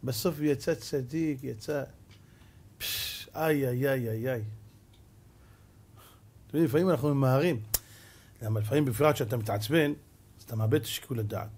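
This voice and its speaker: A male rabbi giving a Torah lesson, telling stories in an animated way and acting out dialogue while he addresses his audience directly. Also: medium pitch, pauses often, slightly rough. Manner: animated storytelling, acts out dialogue.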